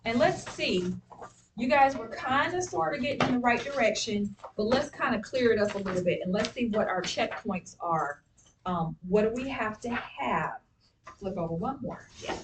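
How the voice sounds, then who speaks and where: A woman's voice: on the high side, lively intonation, normal speed. Woman teacher heard from across a classroom. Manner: prompting questions, frequent okay and all right. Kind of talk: classroom spelling lesson. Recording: distant classroom recording with faint noise.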